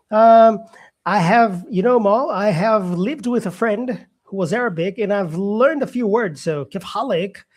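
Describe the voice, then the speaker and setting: A man from Brazil teaching English on a casual live stream, chatting with viewers and answering their comments. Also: high-pitched.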